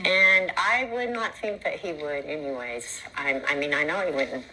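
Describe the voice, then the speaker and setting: A woman in her sixties talks about her relationship as an interview guest. Her voice sits low but sounds bright, and her delivery is plain and agreeable. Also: normal speed, slight background noise, low-quality recording. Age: 60s.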